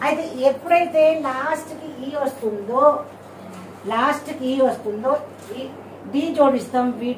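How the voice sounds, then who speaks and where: A woman's voice: sits high, roomy sound, far from the mic, a little hiss or hum, low-quality recording. A woman with a Telugu accent teaching English verb forms, repeating words and checking with "okay?". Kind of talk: classroom grammar lesson.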